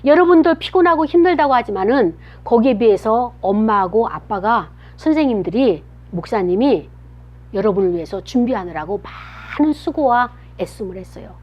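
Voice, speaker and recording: A woman's voice: on the high side, lively intonation, moderate pace. A woman giving a children's sermon, telling a story and asking the children questions as she goes. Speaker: children's pastor. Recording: dull lo-fi recording.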